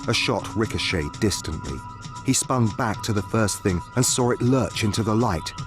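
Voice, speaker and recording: Very deep-voiced man narrating a horror story. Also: expressive, normal speed. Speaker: streamer reading horror stories. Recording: music playing behind the voice.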